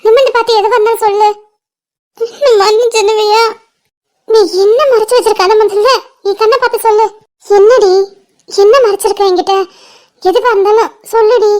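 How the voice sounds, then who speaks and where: A woman's voice: extremely high pitch, fairly even intonation, moderate pace, long pauses, a little mellow. A woman voicing a worried young woman in a cartoon, who anxiously presses her crying best friend with questions.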